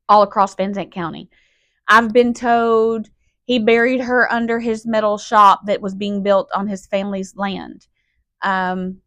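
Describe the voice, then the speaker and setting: Woman, 40s, podcast host; raw, halting emotional monologue, dry close sound. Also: mid-range voice, no echo. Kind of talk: personal monologue.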